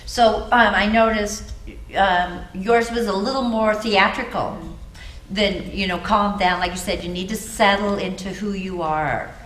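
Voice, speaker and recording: A woman's voice: mid-range voice, steady tone, a little slow, fairly bright tone. A woman drama teacher giving encouraging, coaching feedback to acting students. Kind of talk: spoken class critique. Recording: roomy echo, clear background noise.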